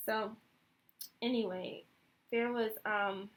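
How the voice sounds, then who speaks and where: A woman's voice: a little high, steady tone, takes it slowly, phone-quality sound. A woman in her thirties from the United States, giving a reflective personal monologue in a hesitant way with many fillers and restarts. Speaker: vlogger.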